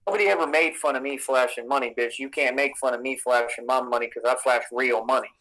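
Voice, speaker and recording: A man's voice: medium pitch, quick pace, sharp tone, poor audio. A man in played clips, ranting aggressively with profane, threatening, swaggering talk.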